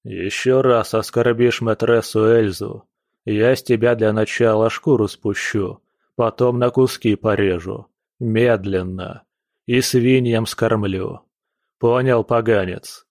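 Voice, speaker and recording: A man's voice: on the low side, steady tone, slow, a little mellow, dry recording, clean studio sound. A man doing a burly, threatening stableman. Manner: blunt, threatening.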